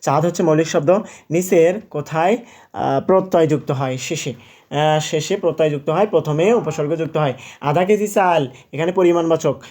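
A man's voice: fairly high pitch, a little mellow. A young man teaching, working through exam questions step by step, asking and answering himself and correcting his slips. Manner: drawn-out example words, repeated aloud.

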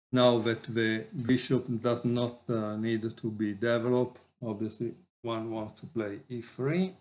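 Halting man, slow chess lesson host, many fillers. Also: medium pitch.

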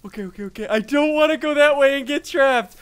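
A young man giving excitable gameplay commentary, repeating words over and over, close on the mic. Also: very high-pitched, fast talker. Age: young adult. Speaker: gaming video co-host.

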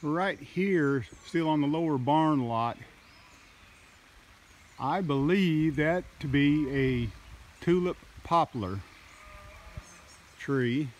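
A man narrating a casual walking tour of his wooded farm outdoors, talking in a slow, halting way with many fillers, recorded on a handheld phone. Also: a little high. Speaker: farmer vlogger. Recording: faint outdoor noise.

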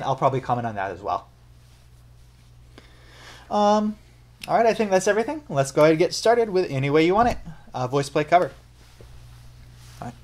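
Chatty young man explaining music. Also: on the high side. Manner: chatty, explains at length and corrects himself. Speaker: music reaction channel host. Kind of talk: casual reaction and analysis talk.

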